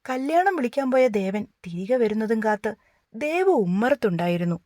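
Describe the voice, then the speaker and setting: A woman narrating a romance novel in a steady, gentle reading voice. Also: on the high side, normal speed, no room sound. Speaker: audiobook narrator. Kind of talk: scripted narration.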